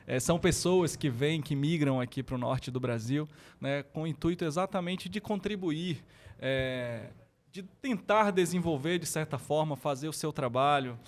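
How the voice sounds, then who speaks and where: A man's voice: on the high side, moderate pace. A Brazilian man hosting a podcast, introducing and questioning his guest in a friendly, enthusiastic way. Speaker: podcast host. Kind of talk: casual podcast interview.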